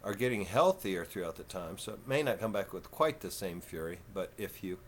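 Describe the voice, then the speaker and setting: A man in his fifties with a Texan southern twang, talking slow and folksy in a rambling, casual vlog. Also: sits low, lively intonation, a little hiss or hum. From Texas. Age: 50s. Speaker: vlogger.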